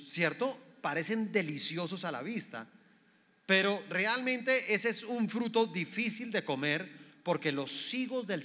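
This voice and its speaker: A man's voice: high voice, sharp tone, big-room sound. A man preaching a sermon, firing off rhetorical questions at the congregation and acting out the voices of the people in his stories. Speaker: pastor.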